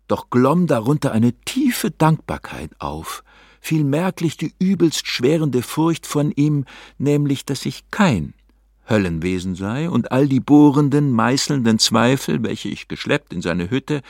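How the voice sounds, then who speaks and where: A man's voice: mid-range voice, dry recording, clean studio sound. A man reading a novel aloud in a dramatic, theatrical way. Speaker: narrator. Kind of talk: scripted audiobook narration.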